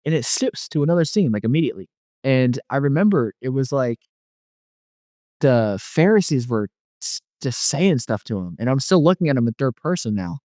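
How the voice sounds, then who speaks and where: A man's voice: mid-range voice, animated, normal speed, mellow, dry recording. Young guy telling his faith story, says like a ton, super casual, dry close sound. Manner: rambling, filler-heavy storytelling full of "like". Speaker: guest telling a near-death testimony. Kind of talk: casual personal testimony.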